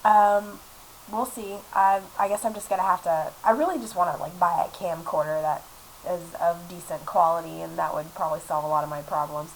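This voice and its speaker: Speaking fairly quickly in a steady, fairly low voice, a woman in her twenties chats to her laptop webcam while sick and stuffed up. She rambles with lots of fillers from a small apartment room, and the lo-fi recording has a faint hiss.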